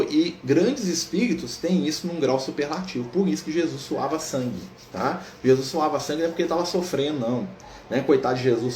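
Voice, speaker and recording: A man's voice: medium pitch, darkish tone. A man leading a spiritist study session, telling a saint's story in casual lecture style, tagging lines with "né?" and acting out the dialogue. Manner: storytelling, frequent "né?" tags, acts out dialogue. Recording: echoey room with faint background noise.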